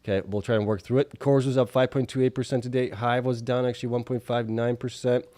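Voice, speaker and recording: Talking fast with a flat delivery, a man with a mid-range, mellow voice hosts a stock market video show. His recap is casual, with figures read informally and offhand asides, and mild allergies bring coughing and sniffles. The recording is dry.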